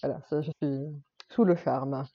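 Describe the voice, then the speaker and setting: A woman's voice: a bass voice, moderate pace, gravelly, muffled recording. A woman author hosting a casual live chat who laughs often and fills her talk with "euh" and "voilà". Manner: chatty, laughs often, many fillers.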